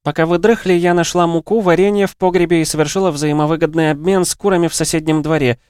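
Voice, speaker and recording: A perky, teasing young woman with a lilting lift in her voice, as a man puts her on. She sounds lively and playful in a close, dry storybook reading with no room sound. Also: a little high, fast talker, clean tone, no echo, voice pushed up, lightly acted. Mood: cheerful. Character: cheerful bold young woman cook.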